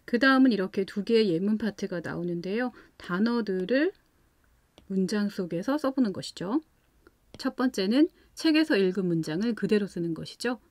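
A woman hosting a parenting channel walks parents through a children's vocabulary lesson. She explains calmly and patiently, step by step, with examples. The sound is close and dry, with no room around it. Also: mid-range voice, normal speed, no room sound. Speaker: parenting channel host teaching English at home.

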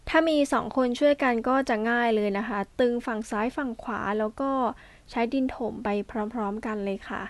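A woman's voice: on the high side, normal speed, no echo. A woman farmer explaining in a casual, polite way, step by step, how she prepares a planting field. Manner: polite, explains step by step, adds soft particles. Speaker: farmer demonstrating field work. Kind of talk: casual instructional talk.

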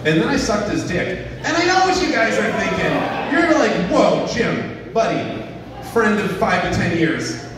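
A man's voice: high-pitched, sing-song, unhurried, a crowd in the background. Rambling man, echoey, from across the room. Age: 30s. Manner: rambling, filler-heavy, self-deprecating delivery. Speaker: stand-up comedian. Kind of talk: open-mic stand-up set. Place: small venue with a stage and audience. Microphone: handheld mic, filmed from a far camera. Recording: echoey room from a far camera.

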